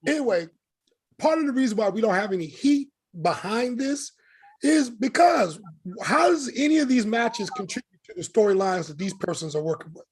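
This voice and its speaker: A man on a casual podcast with a high voice and a husky edge. He argues his point emphatically, repeating himself for force. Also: lively intonation, moderate pace. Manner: emphatic, exasperated ranting. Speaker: podcast co-host. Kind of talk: casual wrestling chat.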